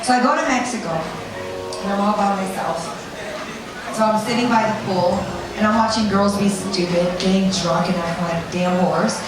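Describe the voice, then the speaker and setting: In a very echoey seminar room, a woman with a medium-pitched voice speaks at a normal pace to an audience, picked up by a distant mic amid crowd noise. Blunt and conversational, she gives an informal talk, telling anecdotes and swearing freely.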